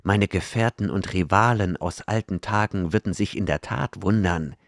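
A man's voice: low voice, moderate pace, vocal fry, no room sound, studio quality. A man voicing a bitter, hateful male sorcerer slave in an audiobook, speaking with a growl. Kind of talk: audiobook character reading.

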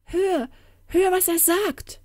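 A terrified young cottager wife, as a woman storyteller puts her on, cries out in a high, strained voice. She pleads breathlessly and loudly in this storybook reading. The sound is close and dry. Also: very animated, moderate pace, no room sound. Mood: panicked.

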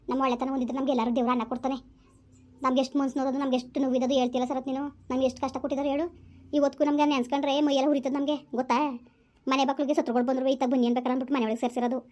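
A woman's voice: high-pitched, a little mellow, close to an everyday voice. A woman playing a bitter young woman raising her younger sister, complaining in a resentful rush, in a village family skit.

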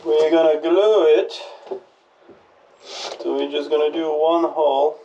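A man vlogging his boat restoration, making brief, unhurried remarks while he glues and fits parts inside the hull. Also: a little high, steady tone, dark tone, highs cut off, a little hiss or hum. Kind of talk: casual workshop commentary. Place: inside a small boat hull under renovation. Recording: distant voice with background music.

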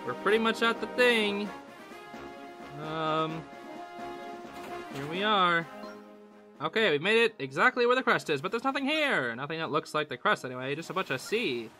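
A man reading aloud the lines of a cowardly male ship captain who dodges his duties in a gruff, evasive way. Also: sits high, lively intonation, moderate pace, pauses often, sharp tone, soft background music.

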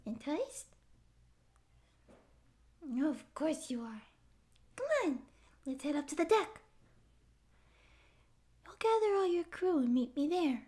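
Using a high voice with a dark tone, a woman plays a young catgirl, timid yet eager to become a space pirate, in a scripted ASMR audio roleplay. Girlish and sometimes whispery, she puts on a bossy bravado whose nervous bluster slides into meek rambling.

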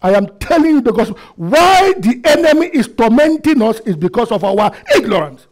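A middle-aged man, preaching a sermon into a headset mic in a church hall, asking the congregation questions and swinging between loud and quiet. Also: very high-pitched, big pitch swings, fairly quick. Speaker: pastor. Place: church hall with projector screen, indoors.

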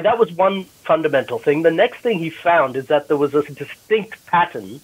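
A male doctor with a husky, medium-pitched voice explains a health topic on a panel, frequently starting over. It comes from a low-quality replay of a Clubhouse room.

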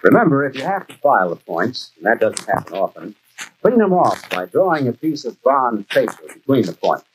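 Casting: man as instructive American shop expert, very varied pitch, 1940s educational film with soundtrack noise. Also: very animated, a little fast, natural voice. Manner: didactic, clearly explanatory. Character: brisk, instructive male garage expert. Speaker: actor playing a garage instructor. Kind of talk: 1940s training film acting, scripted instruction.

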